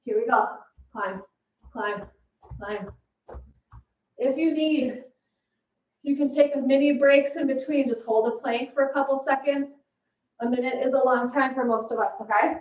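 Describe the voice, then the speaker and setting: A woman with a high voice coaches a circuit workout in classic aerobics instructor style. She gives short commands, counts and steady encouragement. The sound is roomy and echoing, with the mic some way off from her. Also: normal speed. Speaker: fitness instructor. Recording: echoey room, distant mic.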